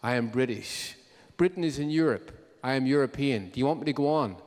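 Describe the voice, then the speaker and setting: In a live concert hall, the male host of a music show spins a comic story for the crowd, timing it drolly. He speaks a little fast at medium pitch with a darkish tone, under the venue's long reverb.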